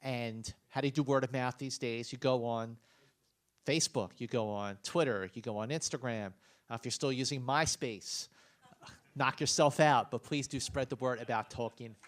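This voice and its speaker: A man's voice: mid-range voice, moderate pace. A man moderating a screening Q&A in a theater, upbeat and quipping to the audience. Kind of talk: hosting a screening Q&A. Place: theater stage.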